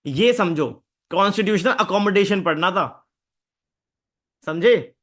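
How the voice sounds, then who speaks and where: A man's voice: high voice, expressive, measured pace, a bit bright. A young man giving a live online exam-prep lecture, explaining concepts chattily and often quizzing his students. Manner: conversational Hinglish teaching, asks students questions.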